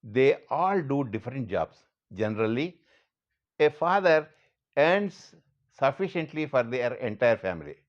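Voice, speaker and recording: Indian guy doing a measured scripted monologue, mid-pitched voice, kinda muffled recording. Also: very animated. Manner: earnest, measured, direct second-person address. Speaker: monologue speaker. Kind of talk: scripted monologue addressed to a politician.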